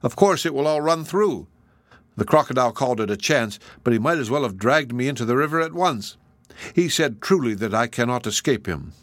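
A man's voice: mid-range voice, expressive, fairly quick, a bit bright, no echo, lightly acted. A man voicing a despairing young prince who speaks hopelessly in a storybook reading. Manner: hopeless, complaining.

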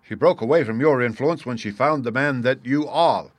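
A man's voice: medium pitch, animated, fast, a bit bright, dry recording. A man voicing a masterful, composed detective in an audiobook, speaking in a precise, formal and authoritative way. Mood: stern. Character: masterful English detective, composed, stern and assured. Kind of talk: audiobook character dialogue.

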